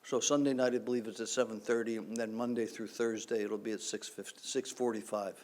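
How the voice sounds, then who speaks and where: A man leading a synagogue service, reciting blessings and giving announcements in a relaxed, conversational way with many fillers. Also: fairly low pitch, a little fast. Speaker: service leader. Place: synagogue sanctuary.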